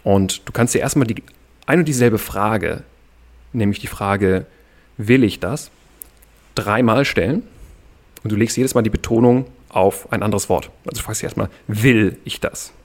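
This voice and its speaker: Calm, measured German man explaining. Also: lowish voice. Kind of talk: podcast conversation.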